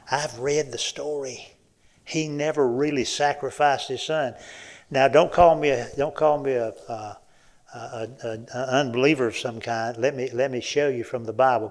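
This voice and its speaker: A man preaching a sermon in a folksy, animated way, often asking the congregation questions. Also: mid-range voice.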